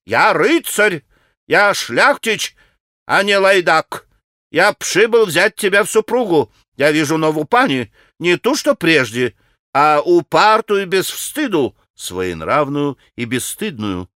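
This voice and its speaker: A man voicing a haughty, touchy Polish gentleman who speaks Russian with a Polish accent in an audiobook. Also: fairly high pitch, expressive, a little slow, no echo, studio quality. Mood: pompous indignant. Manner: pompous, haughty, indignant.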